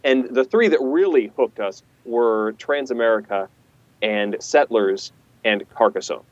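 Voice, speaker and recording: A man with a smooth, velvety voice and a dry, joking manner, chatting casually as an interview guest. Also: medium pitch, a little slow, dry recording, lo-fi sound. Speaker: guest voice actor.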